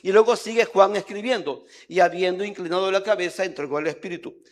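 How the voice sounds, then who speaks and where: A man's voice: sits high, brisk. A man with a Mexican Spanish accent preaching a sermon as pastor, in a conversational way that stops to repeat and count words.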